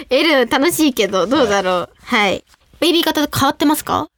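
Bubbly high-voiced woman radio host. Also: a little fast, dry recording. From Saitama, Japan. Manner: bubbly, giggly, animated storytelling. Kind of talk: casual radio talk, reading listener mail. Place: radio studio. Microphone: studio microphone.

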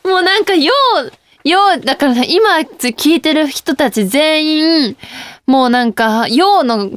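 A woman's voice: sits high, lively intonation, a little slow, no echo. A young woman hosting a casual radio talk show, reading listener mail and joking about herself with frequent laughs. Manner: playful, self-mocking, laughs often.

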